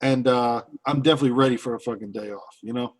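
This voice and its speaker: A man's voice: medium pitch, steady tone, fast. A man cohosting a podcast, chatting casually and musing at length in a rambling way. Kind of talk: casual chat.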